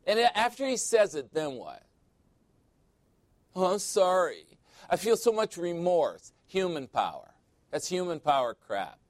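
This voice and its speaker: A man's voice: medium pitch, dry recording. A male pastor preaching a sermon in a church, joking and conversational with sudden emphatic swings.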